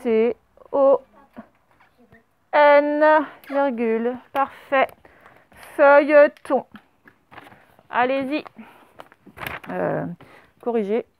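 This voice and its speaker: A woman's voice: high voice, drawn-out words, pauses often, phone-quality sound, slight background noise. A woman teacher giving a spelling dictation lesson to children on camera, patiently spelling words out letter by letter. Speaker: primary school teacher.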